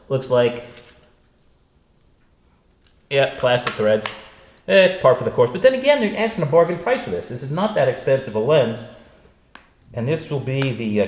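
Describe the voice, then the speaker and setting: Chatty male unboxing host from the United States, exclamatory and wry, mid-pitched, in a big room echo. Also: a little mellow. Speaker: host and gear reviewer. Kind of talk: casual unboxing commentary. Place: untreated echoey room indoors. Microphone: stereo pair of studio microphones. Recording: big echoey room, clear reverb, faint noise.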